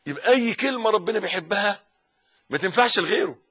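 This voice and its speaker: A man with an Egyptian Arabic accent giving a religious lesson, moving between loud emphatic insistence and soft, slow, murmured recitation. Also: sits high, lively intonation, breathy edge. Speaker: religious teacher.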